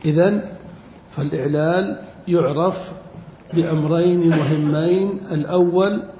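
A man teaching Arabic morphology in a classroom lesson, asking his students questions and repeating words slowly. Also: a little high, steady tone, dark tone, a little hiss or hum. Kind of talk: classroom lesson explaining grammar. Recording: echoey hall with faint ambience.

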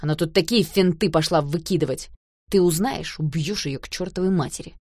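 A gruff, cross bearded friend, read by a woman who barks his lines bluntly and loudly. The voice stays low for her, dry and close to the mic, as in an audiobook. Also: a little fast, dry recording. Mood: angry, blunt.

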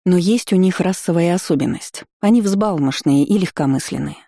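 An audiobook narrator telling a first-person fantasy story in a lively, expressive way. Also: medium pitch, moderate pace, creaky, dry recording, clean studio sound.

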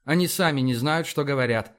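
A man reading an audiobook, voicing a calm, gentle male lieutenant who speaks slowly. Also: a little high, close to an everyday voice. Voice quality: calm, slow, philosophical.

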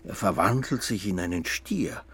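A man with a low voice narrates a radio play in a lilting, dreamy way. A clear bed of ambient noise runs under his voice. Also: normal speed, fairly bright tone.

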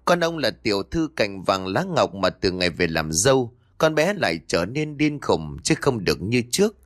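A man telling a ghost story, building suspense with a dramatic delivery and a pitch that rises and falls freely. The sound is dry and close to a studio mic. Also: sing-song, moderate pace, dry recording.

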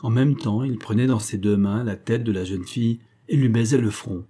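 A man reading a classic novel aloud in steady, measured audiobook narration. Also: lowish voice, breathy edge.

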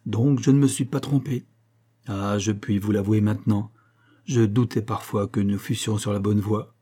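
A man's voice: fairly low pitch, steady tone, moderate pace, dark tone, lightly acted. A man reading as an impassioned young Frenchman. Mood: troubled. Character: impatient, anguished young Frenchman.

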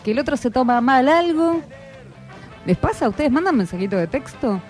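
Lively higher-voiced woman radio host. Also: moderate pace, soft background music. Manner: chatty, checking in with short tag questions. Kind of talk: casual interview with schoolchildren.

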